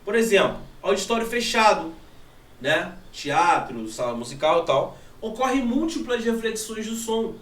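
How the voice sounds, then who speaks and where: A Brazilian man teaching a physics lesson, lively, asking and answering his own questions. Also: high-pitched, unhurried. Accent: Brazilian Portuguese. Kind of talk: classroom lesson. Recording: echoey room from a distant mic, faint ambience.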